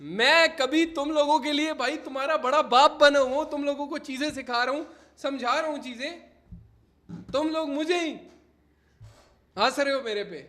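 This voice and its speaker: A man's voice: very high-pitched, normal speed, a bit bright. A young man livestreaming in casual chat, mixing English phrases into Hindi while he keeps pleading with his viewers to stop laughing. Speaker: livestreamer giving advice to chat.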